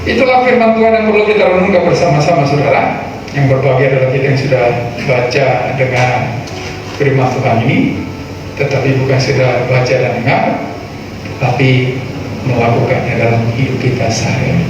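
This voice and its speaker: A man's voice: medium pitch, fairly quick. A man preaching a sermon and reading scripture, speaking through a face mask. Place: large indoor room with congregation. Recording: very echoey room, distant mic, noisy.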